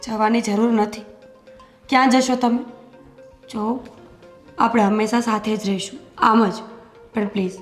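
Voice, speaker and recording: A woman's voice: a little high, steady tone, measured pace, pauses often, soft background music, natural voice. An actress playing a loyal young wife who earnestly pleads with her husband and family in a family film drama. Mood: pleading.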